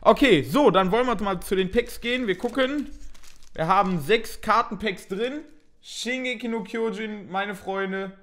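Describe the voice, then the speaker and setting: A man's voice: sits high, unhurried, fairly bright tone. Chatty young man unboxing cards. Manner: chatty, thinks aloud, mildly self-mocking. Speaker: unboxing video host. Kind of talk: casual unboxing commentary.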